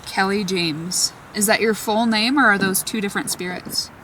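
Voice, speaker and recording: A woman talking casually in an excitable, chatty way as she questions spirits aloud in a vlog. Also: mid-range voice, normal speed. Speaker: paranormal investigator. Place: outdoors in a forest at night. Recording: distant mic, clearly noisy outdoor ambience.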